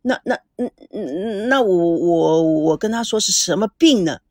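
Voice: medium pitch, measured pace, no echo, studio quality, soft background music, close to an everyday voice. A woman voicing a timid office secretary who stammers when frightened.

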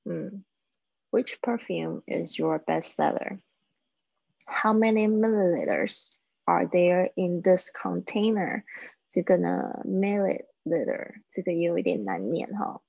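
A woman teaching English phrases in a live-streamed lesson, chatting and slowly repeating phrases for practice. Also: lowish voice, gravelly, a little mellow, slightly rough, no echo, lo-fi sound.

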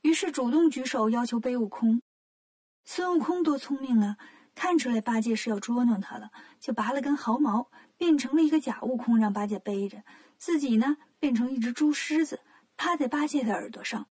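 A woman telling a children's story as the show's storyteller, in a gentle, clear storytelling manner. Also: on the high side, moderate pace.

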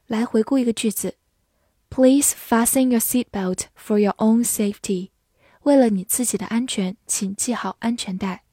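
A woman teaching English vocabulary in a scripted lesson. She speaks, spells words out letter by letter and reads example sentences slowly and clearly. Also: mid-range voice, warm tone, dry recording, clean studio sound.

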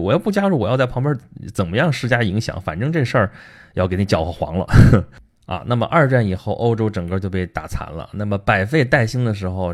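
A man hosting a casual history talk, speaking conversationally and tagging his points with rhetorical questions. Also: lowish voice. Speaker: host.

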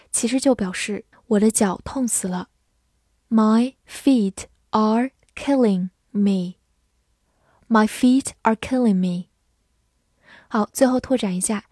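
A woman, a native Chinese speaker, teaching English vocabulary in a scripted lesson, spelling words out letter by letter and reading example sentences slowly. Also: mid-range voice, mellow, dry recording, clean studio sound.

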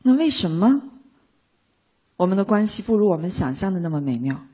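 Very husky woman lecturing. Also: medium pitch, fairly quick. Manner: lively, playful, acts out little scenes. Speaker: speaker teaching a live audience. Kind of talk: motivational talk to an audience.

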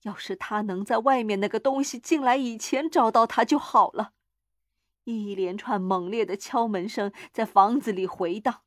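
A woman narrating a horror story in a measured, dramatic reading. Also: medium pitch, no echo, clean studio sound.

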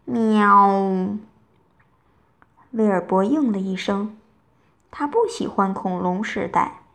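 Slow gentle woman reading a bedtime story. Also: mid-range voice, lively intonation.

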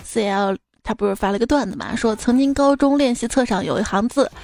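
A young woman with a somewhat high voice hosts a radio comedy show. She reads listeners' funny stories aloud in a lively, giggly way and adds playful remarks. Soft music plays quietly behind her. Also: brisk, gravelly. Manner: lively, giggly storytelling with frequent laughter. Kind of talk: reading listener jokes with playful commentary.

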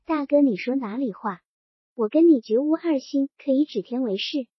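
A woman voicing an earnest, loyal young bandit man in a storybook reading, answering quickly and sincerely. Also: high-pitched, animated, no echo. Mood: vowing. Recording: dull lo-fi sound.

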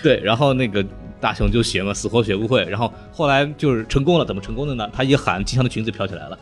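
A man's voice: fairly low pitch, quick pace, over music. A man hosting a podcast, retelling cartoon plots in casual chat, rambling along and laughing often. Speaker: podcast host.

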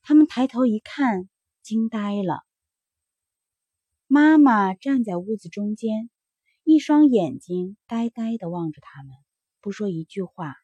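A woman narrates a children's bedtime story in a gentle, expressive way, her pitch rising and falling freely. Her voice is slightly husky, and it is recorded close and dry. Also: measured pace, no room sound, highs cut off.

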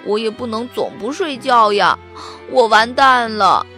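A woman's voice: on the high side, animated, unhurried, soft background music. A woman doing Arthur, an anxious schoolboy. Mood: worried. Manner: worried, pleading, bursts into shouts. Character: anxious, easily flustered young schoolboy.

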